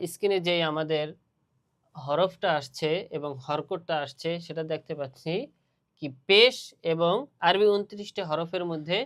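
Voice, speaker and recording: A male Quran teacher, giving an online lesson with slow, patient drilling of letter sounds and louder repeated examples. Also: high-pitched, clear, resonant tone.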